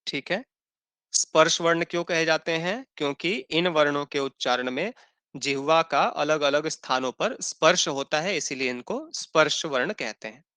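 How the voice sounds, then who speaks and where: In a dry recording, a man with a fairly high, sharp voice teaches Sanskrit to an online class. Patient throughout, he repeats each definition slowly for students to jot down and keeps checking in with "thik hai" and "hai na".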